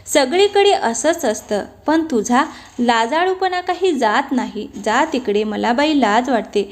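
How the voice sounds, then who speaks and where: A woman's voice: sits high, lively intonation, measured pace. A woman voicing a young husband who playfully scolds his friends and jokes with his wife, in a storybook reading. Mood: teasing. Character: young husband, teasing and easygoing.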